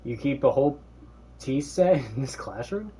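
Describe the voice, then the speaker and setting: A man's voice: mid-range voice, lively intonation, moderate pace, warm tone, slight background noise. A man commentating on a game he plays in a sarcastic, joking way. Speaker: let's play host.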